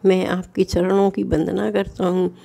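A woman's voice: fairly low pitch, little pitch movement, a little slow, vocal fry, dark tone, exaggerated voice. A woman voicing a remorseful older merchant who tearfully begs forgiveness in a devotional story. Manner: tearful pleading apology.

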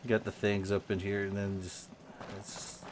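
A man giving casual commentary over a video game, halting and repeating his words with frequent ums. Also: fairly low pitch, little pitch movement, slight background noise. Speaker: gaming channel host.

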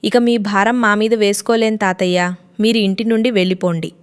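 A woman voicing a harsh young daughter-in-law who scolds in a sharp, complaining tone. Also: medium pitch, steady tone, moderate pace, smooth, natural voice. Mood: cold.

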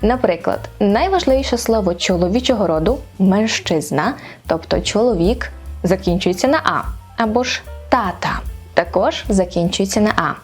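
A woman's voice: mid-range voice, darkish tone, slightly rough. A woman language teacher giving an online video lesson in a playful, upbeat way, teasing her viewers with rhetorical questions.

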